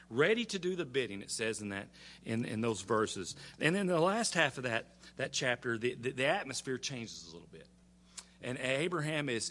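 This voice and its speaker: A pastor preaching a sermon, stumbling over repeated words and climbing to fervent emphasis. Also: male voice, medium pitch, a bit bright.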